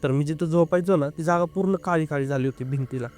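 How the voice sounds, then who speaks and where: A man's voice: on the high side, a little mellow, faint music behind. Earnest young man recounting a story. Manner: earnest, halting, with filler sounds. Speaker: interview guest. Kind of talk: casual first-person storytelling.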